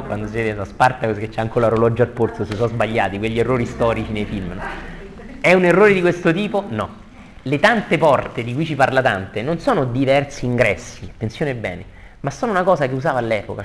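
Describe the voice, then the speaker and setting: A man giving a lively lecture on poetry to a live audience, reading verses slowly and with emphasis. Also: mid-range voice. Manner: enthusiastic, repeats praise, reads verses slowly and emphatically.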